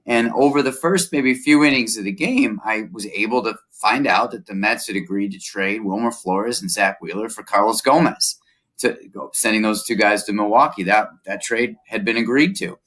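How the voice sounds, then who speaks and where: A male reporter on a chat show walks through events step by step in a measured, explanatory way. His voice sits on the low side, with a bright, forceful edge. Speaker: reporter, guest. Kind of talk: recounting events in casual chat.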